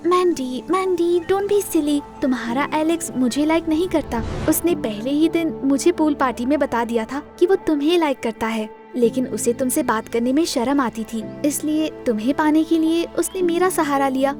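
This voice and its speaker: A kind teenage girl, as a woman puts her on, with a high, soft voice that teases gently. She speaks over background music in an animated storybook video. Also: moderate pace, few pauses, lightly acted. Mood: teasing.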